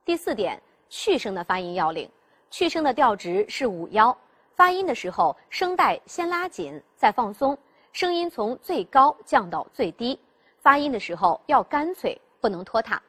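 Lively, husky-voiced woman teaching pronunciation. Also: fairly high pitch, normal speed. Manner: explains step by step with rhetorical questions; demonstrates sounds by voicing them. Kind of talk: classroom instruction.

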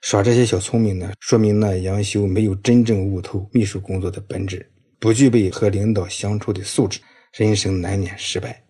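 A man's voice: on the low side, fairly even intonation, normal speed, mellow, husky. A man giving a scripted audio lecture on writing, in a storytelling tone, padding his phrases with filler particles. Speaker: writing instructor.

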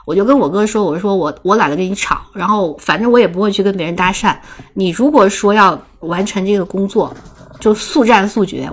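A young woman co-hosting a casual chat show, telling a story with lively energy and frequent laughter. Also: mid-range voice, husky. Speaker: podcast co-host.

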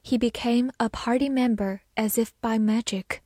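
A woman teacher reviewing vocabulary, saying each word twice in a clear, careful way before giving its meaning. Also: fairly high pitch, fairly even intonation, normal speed, darkish tone, no echo, studio quality.

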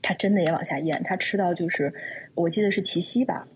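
Lady host, lowish voice, gentle probing questions, faint hiss. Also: a little fast, poor audio. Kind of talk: conversational interview.

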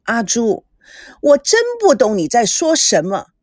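Female reader as a scornful, hot-tempered young actress in an audiobook, lively pitch. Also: measured pace, no echo, clean studio sound. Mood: angry.

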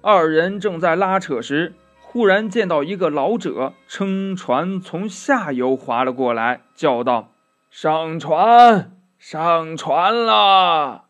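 Guy reading a kids story real slow and expressive, light music behind. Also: a little high. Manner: slow, expressive, drawn-out "呀" endings. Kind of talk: children's story narration.

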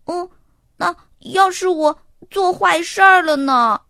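A woman's voice: very high-pitched, slow pace, pushed and bright, no echo, clean studio sound, pitched above the performer's own voice, full character voice. A woman voicing a little girl bear cub who keeps asking questions, hesitant and full of small fillers, in a children's storybook. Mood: eager, pleading.

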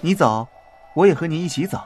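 A man's voice: on the high side, expressive, brisk, a little hiss or hum, voice pushed up, close to an everyday voice. A man playing a spoiled, boyish young master. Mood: easygoing.

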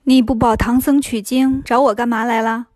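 A woman's voice: fairly high pitch, steady tone, normal speed, darkish tone, no echo, clean studio sound, close to an everyday voice. A woman voicing a wise, patient female goddess in a storybook reading, chiding and patient.

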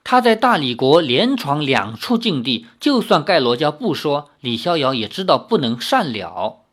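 Expressive novel audiobook narrator. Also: mid-range voice, normal speed.

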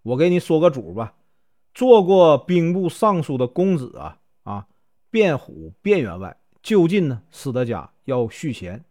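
A meddling old matchmaker woman in her sixties, pushy and gushing, as a man puts her on. Her voice climbs high and swings widely as she coaxes. It comes from a storyteller's spoken tale. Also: sing-song, measured pace, mellow. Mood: coaxing. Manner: gushing, coaxing.

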